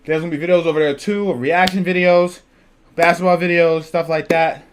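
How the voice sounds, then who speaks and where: Excitable young-sounding man reacting. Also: on the high side, brisk, slight background noise. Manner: loose, rambling, excitable chatter. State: out of breath. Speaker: channel host reacting to a video. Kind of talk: casual reaction commentary.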